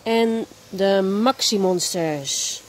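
A woman teacher reading a bedtime story aloud to a child, gentle and expressive. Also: mid-range voice, very slow, slight background noise.

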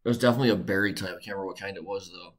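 Low-voiced laid-back man chiming in. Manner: laid-back, chiming in with quick agreements and laughs. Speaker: podcast co-host. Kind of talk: casual chat.

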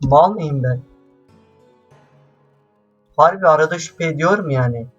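A man doing casual let's-play commentary, chatty and excitable, swearing often and talking straight to his viewers. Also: a little high, unhurried, husky, muffled recording. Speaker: gameplay commentator. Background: faint game music.

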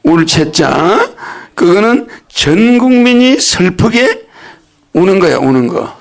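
An older man lectures in a folksy, teasing way, often breaking into laughter and quizzing his listeners. His voice sits high and has a gravelly edge. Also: very animated, a little slow. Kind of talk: religious lecture.

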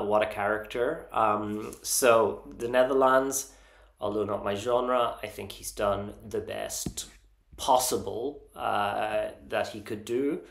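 A man vlogging casually about songs he likes, earnest and enthusiastic, often pausing with ums and restarting his sentences. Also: lowish voice, vocal fry, roomy sound. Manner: hesitant, frequent ums and restarts. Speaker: Eurovision vlogger ranking songs. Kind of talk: casual opinion vlog.

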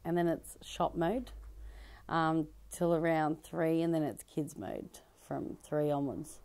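A woman in her thirties with an Australian accent, a comedian and fashion designer, chats through interview questions in a bridal dress shop indoors, laughing easily and restarting her sentences. Her voice is low, slow-paced and slightly mellow. The interviewer holds a handheld mic.

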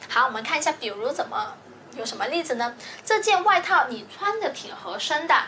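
A woman's voice: high-pitched, animated, brisk, sharp tone, slight background noise. A woman teaching a grammar lesson, explaining patiently step by step and often checking that students follow. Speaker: language teacher.

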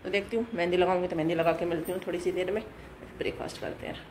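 A woman's voice: steady tone, racing, slight background noise, rough recording. A woman in her thirties chatting casually through her day at home, a mother talking to her viewers. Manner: chatty, scolds children in sharp high calls. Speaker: vlogger, mother. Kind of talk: casual home vlog narration. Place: indoor home.

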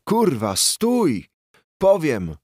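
A man voicing a terrified, beaten male street informant who yells and swears in panic. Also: on the low side, slow, no room sound. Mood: panicked.

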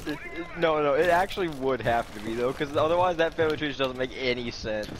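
A man chatting casually with friends while gaming, laughing often and yelling excitedly at the game. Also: a little high, quick pace, slight background noise. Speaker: gamer on the channel. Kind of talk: casual gaming chat over voice call.

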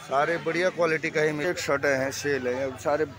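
A man's voice: on the high side, fairly even intonation, fairly quick. A man filming a walking tour of a crowded outdoor market on his phone, talking to viewers, repeating himself as he praises the goods. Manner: chatty, repetitive, hawks quality to viewers. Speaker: vlogger. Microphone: handheld phone. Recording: loud crowd noise all around.

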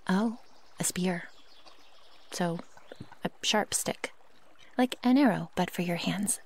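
With a fairly low pitch and a slow pace, a woman performs an ASMR roleplay as a feral, curious, impatient young werewolf who is possessive and naive. She speaks earnestly and curiously in a one-sided, intimate dialogue, her formal, contraction-free phrasing often breathy or close to whispered.

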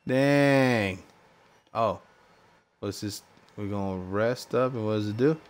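Casual male gamer, American accent, unhurried and slightly low-pitched, muttering slangy thoughts as he plays. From United States. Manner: slangy, thinks aloud in short remarks. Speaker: gamer recording gameplay commentary. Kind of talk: casual gameplay commentary.

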